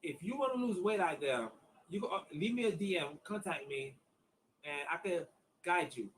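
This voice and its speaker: The audio is poor and slightly noisy, but his voice comes through a little high and expressive at a normal pace. He's an acupuncturist in his fifties, chatty and repetitive in his casual online demo, addressing everyone as "y'all."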